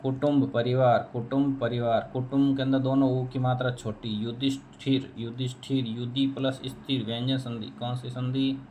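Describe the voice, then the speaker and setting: A man's voice: medium pitch, little pitch movement, moderate pace, hardly any pauses, a little mellow, a little hiss or hum. A man teaching a spelling lesson, repeating each word and answering his own questions. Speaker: Hindi teacher.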